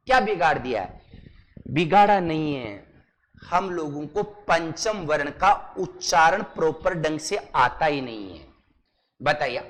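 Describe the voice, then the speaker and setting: A male teacher from Rajasthan leading a live coaching class. He drills his students with repeated questions and spells out sounds slowly, one syllable at a time. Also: high-pitched, fairly bright tone. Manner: exaggerated slow syllable-by-syllable pronunciation. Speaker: Hindi teacher.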